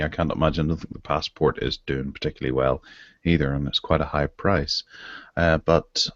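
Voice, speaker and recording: Deep-voiced man hosting a tech chat. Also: dry recording, lo-fi sound. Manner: relaxed, chatty, leads the segments. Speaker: podcast host. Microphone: online video call.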